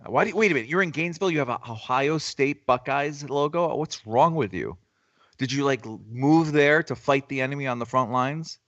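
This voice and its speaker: A man's voice: mid-range voice, animated, a little fast, fairly bright tone, dry recording, lo-fi sound. A man hosting a casual trading livestream, teasing his co-hosts and swearing freely. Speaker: stock trading stream host. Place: home, in Florida.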